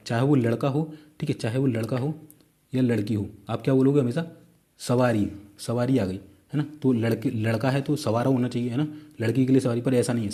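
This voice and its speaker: A man with an Indian accent teaches an exam-prep grammar lesson in a mellow, warm-toned voice of middle pitch. He keeps repeating key points and tossing quick questions at the listener, with casual asides as he works at the board.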